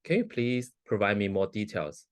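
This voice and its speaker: Man, mock hearing questioner, measured and formal, low voice, dry close sound. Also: lively intonation, no room sound. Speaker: hearing member asking questions.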